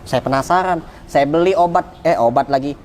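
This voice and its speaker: A man, an interview guest, telling a personal story in a vivid, repetitive way that swings from loud to hushed. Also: a little high, brisk.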